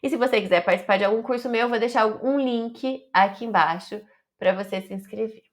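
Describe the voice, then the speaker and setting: A woman's voice: a little high, fairly quick. A woman with a Brazilian Portuguese accent teaching an online Italian lesson, carefully stretching out her example words.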